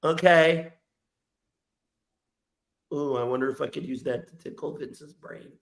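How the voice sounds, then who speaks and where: High-voiced man roasting with crude insults. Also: measured pace, gravelly. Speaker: podcast host. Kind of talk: profane comedic roast.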